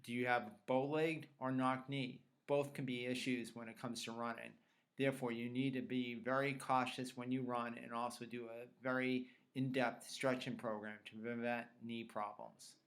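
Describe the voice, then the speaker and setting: A man presents an instructional fitness tutorial in a mid-pitched voice. He explains things plainly, one step after another, as a trainer would to clients. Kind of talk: instructional explanation of self-tests.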